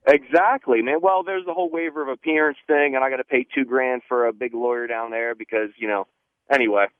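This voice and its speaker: A man's voice: mid-range voice, fairly even intonation, a little fast, no room sound. A man calling in to a radio show, ranting in an exasperated way and saying "dude" and "man" a lot. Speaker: caller. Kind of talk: casual phone-in chat. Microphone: telephone. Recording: tinny phone line.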